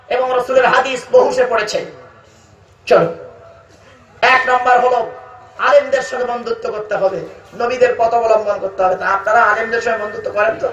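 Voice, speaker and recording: High-voiced Bengali preacher, echoey PA. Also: male voice, fairly bright tone, a little hiss or hum. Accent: West Bengal Bengali. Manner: chants Quranic verses slowly, calls listeners "baba". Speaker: preacher at a religious gathering. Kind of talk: waz sermon. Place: outdoor religious gathering on loudspeakers. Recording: echoey, distant, dull public address sound.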